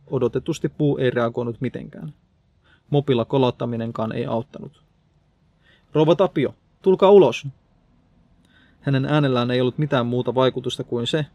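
A man reads a story in steady, measured narration, his voice gravelly with some fry. The tone is dark and mellow, and the recording is dry and close. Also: mid-range voice, no room sound. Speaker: audiobook narrator. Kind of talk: scripted narration.

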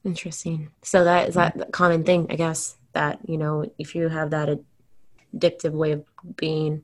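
A woman's voice: sits low, completely flat delivery, moderate pace. A woman hosting an interview, reflective and affirming as she builds on her guest's points. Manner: reflective, affirming, softly hedged. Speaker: podcast host. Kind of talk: casual interview chat.

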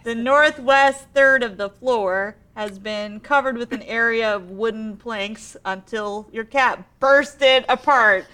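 A woman working as game master, improvising scene narration in an informal, halting way. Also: a little high, bright, forceful tone, clear, resonant tone.

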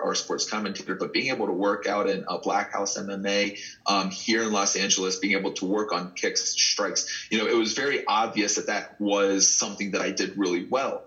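Upbeat, bright-voiced wrestler from Texas. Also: male voice, on the low side, dull audio. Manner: animated storyteller, laughs often, many restarts. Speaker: pro wrestler guest. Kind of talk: casual interview chat.

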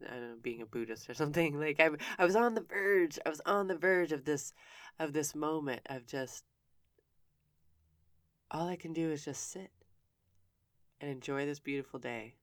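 A woman's voice: low voice, no echo, studio quality. A woman telling a personal story in a frank, conversational way, often stopping and restarting her sentences. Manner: candid, frank with casual swearing; self-interrupting with frequent restarts.

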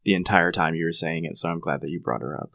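A man co-hosting a podcast, talking in a relaxed, conversational way. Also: low voice, fast talker, vocal fry, no echo. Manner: relaxed, conversational, uses fillers. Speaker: podcast co-host. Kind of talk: casual podcast chat.

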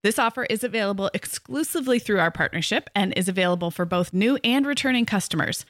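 A woman's voice: mid-range voice, lively intonation, fast, a bit bright, dry recording, studio quality. A woman reading a podcast sponsor message in a conversational style. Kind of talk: conversational ad read.

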